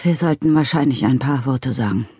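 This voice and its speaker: A woman's voice: a bass voice, a little fast, mellow, breathy edge, dry recording, full character voice. A woman voicing a meek, sniffling, downtrodden father in an audiobook story, mournful and put-upon. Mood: mournful, fretful.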